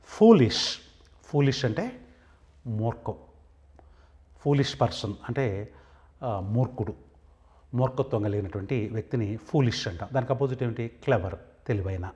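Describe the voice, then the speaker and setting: A man teaching English vocabulary, slowly saying each word and then explaining what it means. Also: medium pitch, lively intonation, a little mellow. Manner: slow, deliberate, repeats and stresses each English word before explaining it. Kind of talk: vocabulary lesson.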